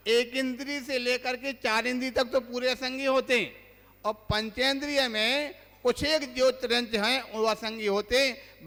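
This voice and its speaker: A man's voice: very high voice, sharp tone. A man, a monk teaching a religious class, asks the listeners questions and then recites the lists himself. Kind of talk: quizzing religious lesson. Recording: long hall reverb.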